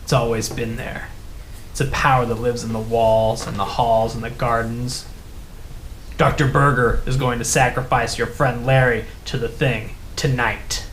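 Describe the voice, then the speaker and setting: A gruff, hulking, half-mad man acted out by a male game master warns in short, urgent sentences. The tone is ominous and plain-worded. The room echoes, with faint noise behind. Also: mid-range voice, flat delivery, moderate pace, a bit bright, lightly acted. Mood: ominous warning. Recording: roomy echo with faint background noise.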